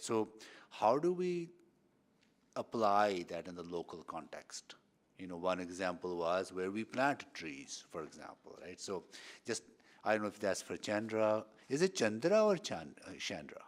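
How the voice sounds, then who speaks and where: A man serving as a city councillor, asking a follow-up question at a council meeting, halting and searching for words. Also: low voice, animated.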